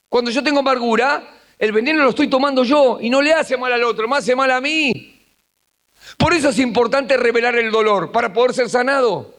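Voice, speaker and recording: An Argentine man delivers a sermon in a high voice. He drops into quiet, intimate passages, then lifts into raised, emphatic points. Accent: Argentine Spanish. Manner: swings between hushed intimate passages and raised emphatic ones. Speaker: pastor. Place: church camp gathering.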